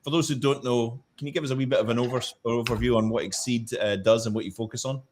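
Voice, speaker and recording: A man in the host's chair of a live-streamed industry chat. His voice sits at a middling pitch and his questions come out upbeat and friendly. A faint background noise runs under the recording. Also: steady tone, fast talker, darkish tone. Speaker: host.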